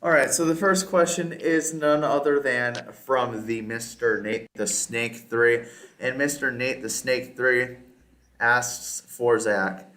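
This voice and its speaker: A man hosts a relaxed chat podcast, reading listener messages aloud in an upbeat, easygoing voice. His pitch sits in a middle range, and he breaks off into quick remarks between items. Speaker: podcast host.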